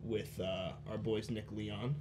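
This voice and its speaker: A man's voice: on the low side, level tone, slow pace, background noise. A man from the Boston area, a podcast guest and guitarist, chatting casually and rambling with restarts. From Boston area, USA. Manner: rambling, self-interrupting. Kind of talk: casual chat.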